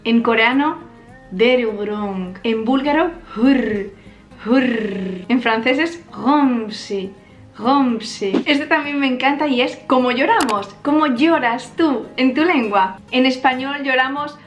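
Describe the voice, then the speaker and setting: A woman's voice: sits high, a little slow, lo-fi sound, soft background music. A woman with a Spain Spanish accent, a language YouTuber, playfully imitating sounds as she explains them in an upbeat educational vlog. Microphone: camera mic, filmed at close range.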